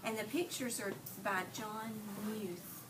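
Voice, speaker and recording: A woman teacher with a medium-pitched voice does an interactive read aloud for young children, telling the story expressively with deliberate phrasing and pausing to ask them questions. The mic is distant and the room clearly noisy.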